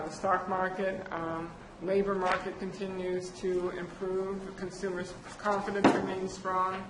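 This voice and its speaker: In a county board meeting room, a woman with a fairly low voice presents the county budget at a public meeting. She's halting, with many fillers and restarts, and the echoey chamber carries air conditioner noise.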